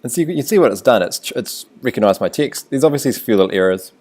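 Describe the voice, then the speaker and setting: This screencast tutorial is narrated by a New Zealand-accented teacher with a mid-range voice who moves at a quick pace, keeping it relaxed and thinking aloud as he goes.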